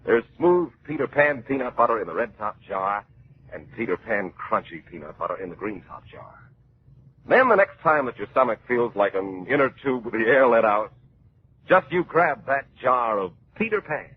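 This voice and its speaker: A male old-time radio announcer with a very husky voice and animated swings in pitch. He is a folksy, enthusiastic pitchman on a muffled recording. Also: normal speed. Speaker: announcer and narrator. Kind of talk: 1940s-style radio announcing, advertisement and story narration.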